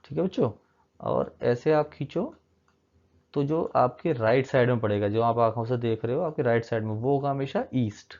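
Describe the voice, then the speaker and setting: A male teacher's mid-range, slightly mellow voice comes through dull lo-fi audio as he lectures children at a normal speed, explaining a map. His manner is coaxing, he frequently checks in with the class, and he mixes English terms into his explanations.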